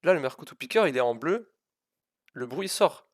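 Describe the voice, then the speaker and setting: With a highish voice and lively intonation at a moderate pace, a physics teacher gives a hesitant, self-deprecating live-streamed lesson, repeating and stressing key words. The recording is studio quality with no room sound.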